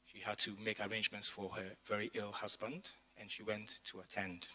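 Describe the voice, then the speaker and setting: This low-quality recording, with slight background noise, captures a male pastor in a church community hall giving a chatty sermon built around personal stories, with asides to the people there. His lowish voice holds a level tone at a moderate pace, pushed and bright, and strained because, he says, he lost it.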